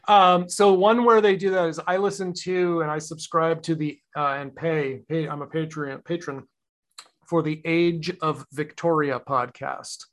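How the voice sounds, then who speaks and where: A man's voice: fairly high pitch, fairly even intonation, a little slow. A man co-hosting a podcast in casual chat, rambling and thoughtful, with many fillers and restarts. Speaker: podcast co-host.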